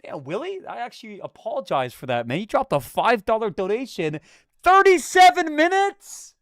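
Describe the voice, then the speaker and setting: A young man live streaming and chatting with his viewers, jumping between loud hype and a low, mock-menacing mutter. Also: big pitch swings, fairly quick, dry recording, clean studio sound.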